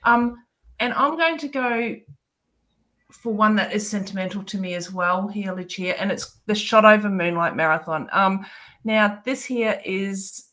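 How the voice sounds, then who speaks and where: A woman's voice: mid-range voice, unhurried, fairly bright tone. Chatty New woman, full of ums. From New Zealand. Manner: chatty, hesitant, many filler ums. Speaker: podcast co-host. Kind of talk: casual chat.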